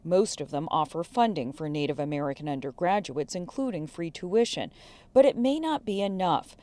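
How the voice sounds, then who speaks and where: A woman's voice: fairly low pitch, animated, normal speed, a little mellow, no room sound. A woman reporter reading scripted narration for an investigative news exposé.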